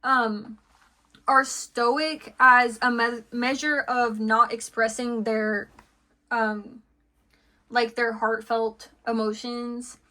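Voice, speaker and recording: A woman's voice: a little high, flat delivery, drawn-out words, pushed and bright. A woman giving an intuitive tarot reading to her viewers, chatty and full of "okay" and "like" fillers. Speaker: tarot card reader.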